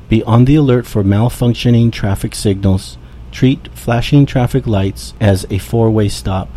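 Dark-voiced man reading an emergency advisory. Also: fairly low pitch. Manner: formal, measured. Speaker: civil defense announcer. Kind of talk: read public emergency advisory. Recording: muffled with faint background noise.

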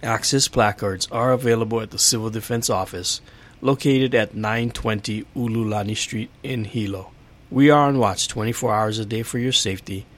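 A man reading a public safety bulletin as a civil defense announcer, with a measured, formal official delivery. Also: fairly low pitch.

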